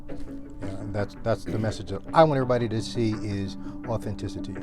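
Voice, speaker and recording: A man hosting an interview podcast, talking in a relaxed way with many fillers as he wraps up. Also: fairly low pitch, brisk, over music. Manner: relaxed, filler-heavy wrap-up talk. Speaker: podcast host. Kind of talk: casual interview chat.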